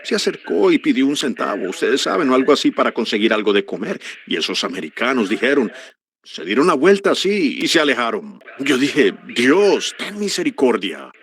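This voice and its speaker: A man preaching a sermon, earnest and animated, breaking into sudden high exclamations. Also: moderate pace.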